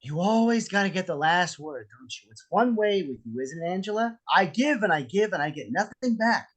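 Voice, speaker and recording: A man's voice: high voice, animated, fairly quick. A man playing a menacing, jealous armed husband in a script read, sarcastic, theatrical and profane. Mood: bitterly sarcastic. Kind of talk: table read of a film script. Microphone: video call.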